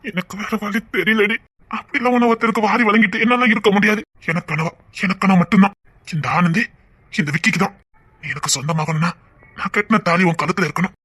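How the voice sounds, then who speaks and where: A woman with a Tirunelveli accent playing a rough young man who talks tenderly and earnestly to his lover. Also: medium pitch, fast, fairly bright tone. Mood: earnest, scheming. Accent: Tirunelveli Tamil. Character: young man Vicky, rough rowdy with a soft heart. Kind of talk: web series drama.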